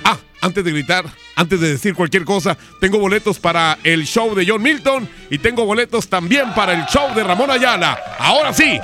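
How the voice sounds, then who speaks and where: A man's voice: high voice, normal speed, sharp tone, soft background music. A man hosting a radio show, pressing a caller for answers in a confrontational prank call. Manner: confrontational, interrogating and demanding answers.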